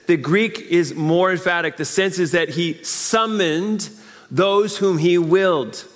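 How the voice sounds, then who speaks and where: A male pastor delivers a sermon, emphatic and conversational, tossing out rhetorical questions and repeating key phrases. His voice sits a bit higher than most men's. A long reverb trails his words around the church hall. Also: a bit bright.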